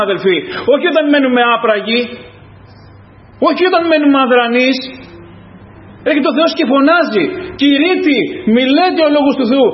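A man preaching a fervent sermon as pastor, calling out to the congregation again and again. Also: extremely high pitch. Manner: fervent, repetitive calls to the congregation. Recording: echoey, dull lo-fi church recording.

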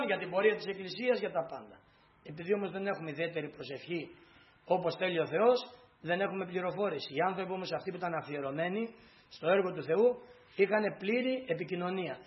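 Brief: earnest male preacher, high voice, retells scripture, slightly dull recording. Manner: earnest, repetitive, storytelling. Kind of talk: sermon.

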